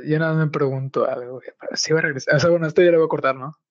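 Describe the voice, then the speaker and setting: A young man with a Mexican accent talks loosely on a podcast, piling on slang and filler words as he rambles. His voice sits a little high. The recording is dry and somewhat muffled. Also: steady tone, rapid-fire, no room sound. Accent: Mexican Spanish. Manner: slangy, rambling, fills with "güey" and "o sea". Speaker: podcast co-host. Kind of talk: casual podcast chat. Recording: dry, dull lo-fi sound.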